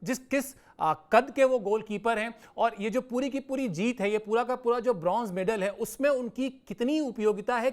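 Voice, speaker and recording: Formal high-voiced male sports interviewer. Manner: measured, formal, effusive thanks. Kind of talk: interview questions.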